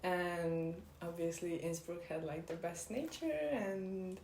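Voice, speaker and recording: A woman's voice: fairly low pitch, slow, darkish tone. Giggly young woman, roomy bedroom. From Hungary. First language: Hungarian. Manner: giggly, hesitant with many ums. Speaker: podcast guest. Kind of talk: casual chat. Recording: roomy bedroom, faint background noise.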